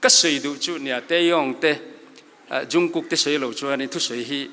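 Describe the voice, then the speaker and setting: A man's voice: medium pitch, a little fast, pushed and bright. A church elder from Mizoram giving an earnest, exhorting motivational sermon to young people, quoting scripture as he goes. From Mizoram, India. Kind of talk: sermon-style motivational speech. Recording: long hall reverb.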